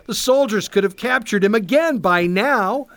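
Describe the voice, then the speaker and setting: A storyteller reading a Bible story aloud for children in an expressive, animated way. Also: mid-range voice, normal speed, a little hiss or hum.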